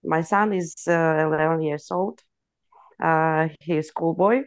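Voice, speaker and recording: A woman in her forties with a Ukrainian accent, introducing herself in halting beginner English. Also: sits low, fairly even intonation, clean tone, dry recording. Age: 40s. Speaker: student.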